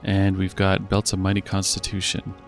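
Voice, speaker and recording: Deep, gravelly gamer reading menus aloud. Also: male voice, monotone, moderate pace, faint music behind. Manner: reads game text aloud, thinks out loud with fillers. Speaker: let's play host. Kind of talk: casual video game commentary.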